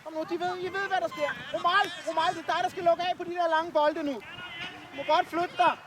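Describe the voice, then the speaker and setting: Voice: very high voice, fairly even intonation. A youth football coach on the sideline during a match, calling out players' names to urge them on and praise them. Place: outdoor football pitch. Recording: outdoor field with clear noise.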